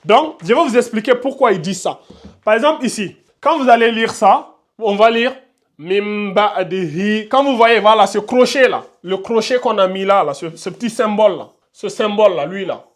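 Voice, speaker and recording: A man gives a tajwid lesson in a live online class. He talks in quick bursts and keeps pointing things out over and over. Then he slows right down to chant each example. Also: high voice, expressive. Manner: repeats words often, points at symbols on the board. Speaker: tajwid teacher.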